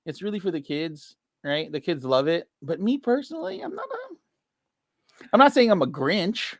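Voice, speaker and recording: A man's voice: sits high, sing-song, creaky, dry recording, studio quality. A man hosting a casual trading podcast, joking and laughing often as he chats with his co-host. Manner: laughs a lot, quick joking delivery. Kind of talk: casual banter on a trading show.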